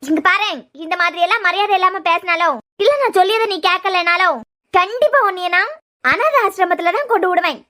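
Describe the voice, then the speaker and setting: A woman's voice: very high-pitched, brisk, pushed and bright. A woman with a Kanyakumari Tamil accent voicing a cruel, scheming young bride-to-be in a cartoon serial, scolding and threatening a child.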